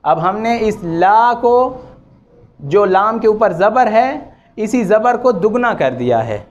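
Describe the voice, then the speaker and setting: A man teaching Quran recitation rules, chanting examples with long drawn-out vowels and correcting common mistakes. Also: high voice, animated, highs cut off. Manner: draws out vowels and repeats examples slowly, then corrects. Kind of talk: slow, patient tajweed lesson with chanted examples.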